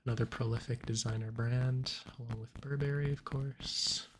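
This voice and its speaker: A man in an ASMR role-play as a cologne salesman, giving measured, explanatory sales patter. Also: medium pitch, steady tone, noisy background.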